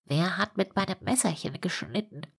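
A woman's voice: lowish voice, expressive, normal speed, vocal fry, husky, heavily acted. A woman voicing seven small kindly male dwarfs in a whispered role-play, asking earnest questions. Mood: puzzled.

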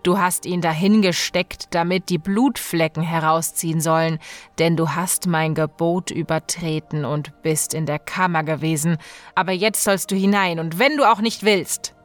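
A woman's voice: low voice, takes it slowly, soft background music, pitched below the performer's own voice. A woman doing Bluebeard, cold and menacing. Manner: cold, commanding, wrathful. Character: cruel menacing man, murderous husband.

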